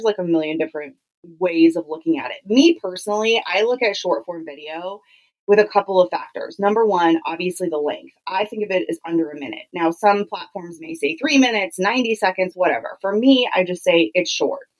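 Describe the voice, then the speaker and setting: A woman with a slightly low voice speaks as a solo podcast host. She teaches in a conversational style. Her delivery is emphatic, with phrases repeated to make points land. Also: fairly quick, poor audio. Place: home clothes closet used as podcast booth.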